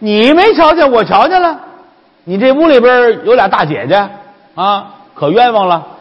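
A jittery young man fires off insistent questions in a Beijing accent, as a male comic storyteller plays him, his voice pitched high and lurching up and down. It is a raspy voice, heard with a long hall reverb on a dull, lo-fi recording. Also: expressive, normal speed. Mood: anxious, pushy. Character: anxious, pushy young man in a haunted temple.

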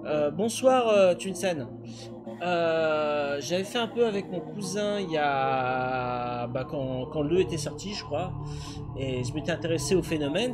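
High-voiced man streaming, music behind. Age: middle-aged. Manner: rambling, self-deprecating. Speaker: game streamer. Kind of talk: casual live-stream chat. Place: indoor home streaming setup.

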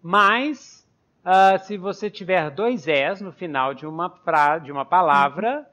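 A man's voice: high voice, slow pace, sharp tone. Brazilian man teaching English, muffled call. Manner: explains step by step, spells words letter by letter. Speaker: English teacher, podcast co-host. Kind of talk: conversational teaching podcast. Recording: muffled online call audio.

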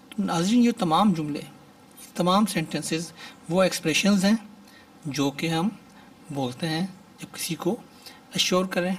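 A man teaching English expressions in a lecture, reading each phrase slowly and then explaining it. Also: a little high, recorded from a distance.

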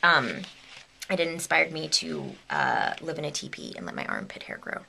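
Her deep, creaky voice swings hugely in pitch at a moderate pace, bright and forceful, over a slight hiss or hum. The woman, in her twenties, chats in a giggly, rambling vlog, bubbly but sleepy and somewhat delirious, dipping into whispers at times. She holds a handheld camera close to her face in a small home studio that has a big red chair and a green screen.

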